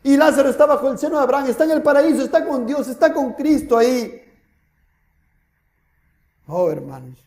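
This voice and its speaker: A man preaching a sermon with fervent rhetorical questions, his voice swinging between loud and hushed. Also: very high voice, animated, a little fast, pauses often, echoey room. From Peru. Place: church.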